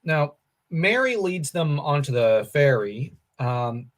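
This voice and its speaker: A man's voice: a little high, big pitch swings, slow pace. A man co-hosting a casual book discussion podcast, enthusiastic and opinionated, thinking aloud with fillers. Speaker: podcast co-host.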